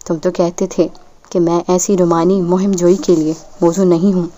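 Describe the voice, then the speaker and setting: A woman's voice: fairly low pitch, flat delivery, dark tone, close to an everyday voice. A woman reading the lines of a playful, nosy older landlady with a sly, teasing manner in an audiobook.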